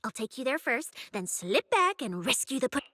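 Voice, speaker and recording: A woman's voice: high voice, sing-song, moderate pace, a bit bright, heavily acted. An actress voicing a playful, snack-loving young woman agent in a video game, teasing and bubbly. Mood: eager. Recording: game audio with music behind.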